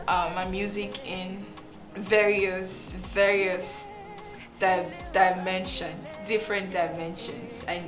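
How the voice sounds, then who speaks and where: Woman singer, earnest interview talk, echoey room with music beneath. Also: on the low side. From Cameroon. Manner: earnest, with many restarts and repeated words. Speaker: singer and songwriter.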